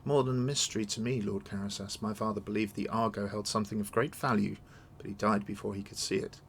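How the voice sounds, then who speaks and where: Man voicing wronged noblewoman, video game, formal, unyielding, lowish voice. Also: fairly even intonation, quick pace, creaky, slight background noise. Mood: formal, earnest. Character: stern, wronged noblewoman seeking her throne. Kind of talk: read-aloud of video game dialogue.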